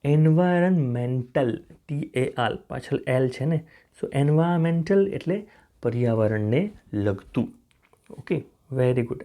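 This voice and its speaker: An Indian man with a mellow, mid-range voice teaches spoken English. He spells words letter by letter, repeats each pronunciation, and checks in with viewers using a rising "okay?".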